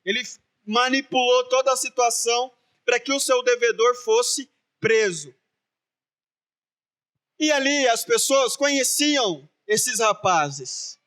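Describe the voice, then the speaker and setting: High-voiced preacher. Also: male voice, slow pace, pauses often, fairly bright tone. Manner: casual storytelling with slang. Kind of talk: sermon, retelling a parable.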